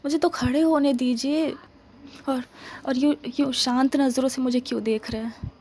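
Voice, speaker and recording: A woman's voice: sits high, steady tone, normal speed, darkish tone. A woman voicing a young woman stranded behind enemy lines in an ASMR role-play, grumbling to herself and pleading with stammers. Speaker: ASMR roleplay performer.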